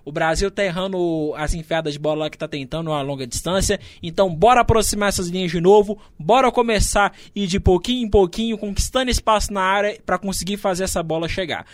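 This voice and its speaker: A man's voice: sits high, fast, hardly any pauses, no echo. A Brazilian man giving informal, partisan live analysis as a football co-commentator.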